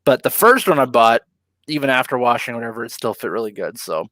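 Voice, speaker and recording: A man co-hosting a casual live stream, relaxed and laughing easily, with plenty of ums. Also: mid-range voice, quick pace, dry recording. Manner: laid-back, laughs often, many ums. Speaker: co-host of a live ocean talk stream.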